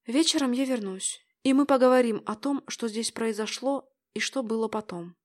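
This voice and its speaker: A woman voicing a calm young man who speaks quietly and without hurry. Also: on the high side, normal speed, close to an everyday voice.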